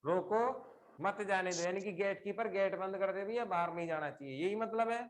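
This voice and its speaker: Man teaching an online class. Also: high-pitched. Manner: explains slowly with repeated examples, questions students. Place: home or classroom during a live online class.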